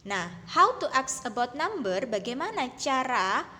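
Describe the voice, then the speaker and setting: A woman teacher with an Indonesian accent, giving a bilingual English lesson to young children, speaking slowly and clearly and repeating words for the pupils. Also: sits high, sing-song, bright, forceful tone, in a large hall.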